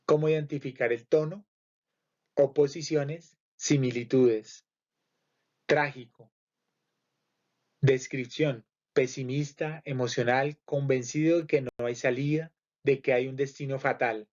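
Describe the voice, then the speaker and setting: A man reads a literature lesson aloud at a mid pitch. He works through lists item by item in a measured, steady way. The recording sounds muffled and lo-fi. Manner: measured, list-by-list reading. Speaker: literature teacher.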